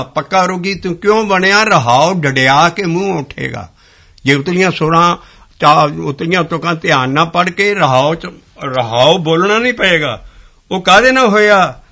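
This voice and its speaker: A man's voice: a little high, vocal fry, sharp tone. A man giving a sermon, explaining hymn lines and sometimes singing them. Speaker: Sikh preacher. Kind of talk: sermon with sung scripture.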